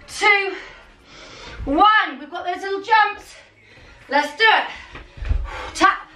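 Very high and sharp in tone, this young woman's voice drives a home workout session. As the fitness coach, she gives short, forceful motivating calls, counts down, and cheers her viewers on. Recorded from a camera several metres away in a compact living and dining area, the audio sounds roomy and distant, with music in the background.

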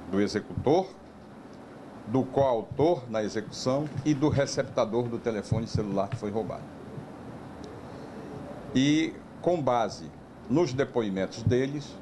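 A man, a police chief, calmly summarizing an investigation for the press in formal, official language. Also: medium pitch, slight background noise. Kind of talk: press statement.

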